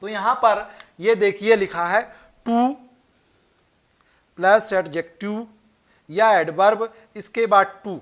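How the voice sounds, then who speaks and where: A man teaching English grammar in Hindi, explaining slowly, repeating his points and reading example sentences with care. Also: sits high, fairly bright tone. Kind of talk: classroom grammar lesson in Hindi.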